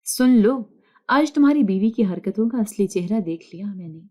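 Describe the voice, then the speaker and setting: A woman doing a bossy, spiteful older mother-in-law in an audio story, scolding and taunting her household in a soft, mellow voice. She sounds sharp-tongued and sure of herself. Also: medium pitch, expressive, close to an everyday voice. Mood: commanding.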